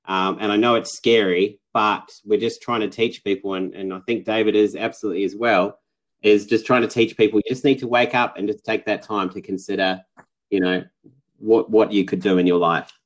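A man's voice: fairly low pitch, steady tone, fairly quick, rough recording. A man, a guest on a podcast, talking casually and reflectively, with many fillers and restarts. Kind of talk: casual interview talk.

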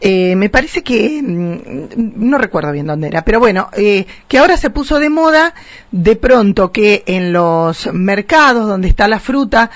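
A woman's voice: mid-range voice, animated, measured pace, dry recording. A woman hosting a radio interview, chatting casually with frequent fillers. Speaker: radio host. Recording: dull lo-fi dry radio recording.

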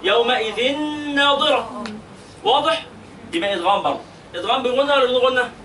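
A man's voice: very high-pitched, fast, pushed and bright, far from the mic. A man with an Egyptian accent teaching a tajweed lesson, questioning his students patiently and stretching out recited words to show the rules. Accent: Egyptian Arabic.

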